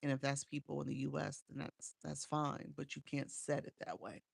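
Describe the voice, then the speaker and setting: Her voice is extremely low, monotone, gravelly and slightly rough, delivered at a moderate pace. This Chicago woman coaches streamers in a casual livestream, reading and answering viewer comments with many "um"s into a small desk mic at home. The sound is clean studio quality with no room sound.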